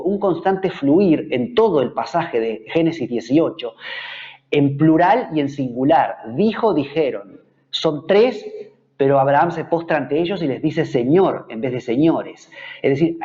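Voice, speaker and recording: A man with a Rioplatense Spanish accent teaching a Bible study, explaining patiently and repeating words as he searches for the next one. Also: fairly high pitch. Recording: dull lo-fi recording.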